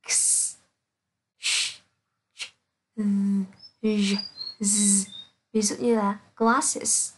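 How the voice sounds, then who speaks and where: A woman teaching an English pronunciation lesson, reading out sounds and example words slowly and carefully to her students. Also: on the high side. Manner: slow, careful, spelling out sounds one by one.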